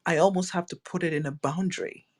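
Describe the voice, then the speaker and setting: A woman from Ghana, a returning guest in a reflective spiritual conversation, soft-spoken and thoughtful. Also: fairly low pitch, quick pace. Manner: soft-spoken, thoughtful, often murmurs agreement.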